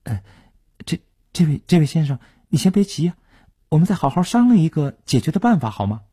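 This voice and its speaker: A man voicing a proud woman gambler, speaking in a raised, strained pitch. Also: big pitch swings, fairly quick, dark tone, breathy edge. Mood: flustered. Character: proud woman gambler, haughty then flustered.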